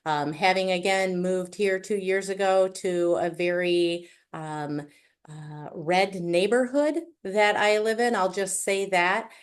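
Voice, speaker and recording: A woman's voice: lowish voice, fairly even intonation, takes it slowly, smooth. A woman from Wisconsin with a Wisconsin accent, speaking as a panelist on a video call in a chatty, self-deprecating way with many fillers. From Wisconsin, USA. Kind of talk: casual panel remarks over a video call.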